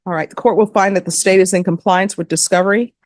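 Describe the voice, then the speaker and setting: Female judge on the bench, steady mid-pitched voice, formal and measured, dry mic. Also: no room sound. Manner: measured, formal reading of legal admonishments. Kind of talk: formal courtroom proceedings. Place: courtroom.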